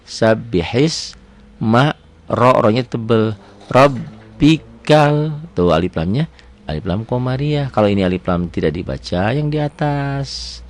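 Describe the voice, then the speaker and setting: Male teacher with a lowish voice, patient and step by step, draws out words slowly for demonstration. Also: animated. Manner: patient, explains step by step, asks and answers his own questions; stretches words slowly when demonstrating recitation. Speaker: Quran reading teacher. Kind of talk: teaching lesson.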